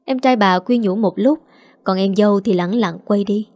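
A woman reading a village drama story aloud in a steady, expressive way. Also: mid-range voice, moderate pace, no room sound. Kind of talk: audiobook story narration. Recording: dry close mic with faint music.

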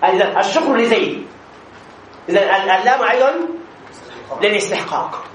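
A man teaching a grammar lesson to a class, repeating examples slowly with many drawn-out fillers and checking that students follow. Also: sits high, a bit bright. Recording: echoey room with faint noise.

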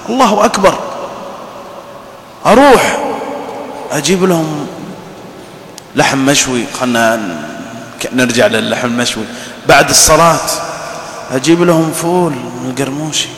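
A man preaching a mosque sermon, telling lively everyday stories and acting out the people he quotes. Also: medium pitch, normal speed, pauses often, slight background noise. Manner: lively storytelling with mimicked quotes. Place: mosque hall. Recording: roomy reverberant hall, faint ambience.

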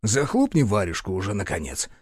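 Brief: man reading a rough-talking mocking guardian, dry close sound. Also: lowish voice, huge pitch swings, fairly quick, darkish tone, dry recording, voice pushed down, heavily acted. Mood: stern. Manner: coarse, bossy, sarcastic. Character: crude sardonic male guardian, bossy and mocking.

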